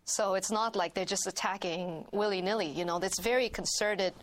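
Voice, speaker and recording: A woman guest speaking quietly and casually, with fillers. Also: mid-range voice, steady tone, normal speed. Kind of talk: interview answers.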